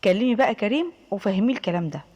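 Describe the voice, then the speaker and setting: A woman's voice: mid-range voice, expressive, rapid-fire, a little mellow, big-room sound, highs cut off, lightly acted. A woman with an Egyptian accent voicing her friend, a young divorced woman explaining herself earnestly and insistently.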